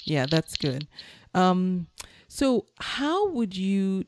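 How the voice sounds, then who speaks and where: A woman's voice: mid-range voice, big pitch swings, drawn-out words, noisy background. A woman from Nigeria hosting a podcast, chatting casually with a guest and laughing often. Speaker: podcast host. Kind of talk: casual interview chat.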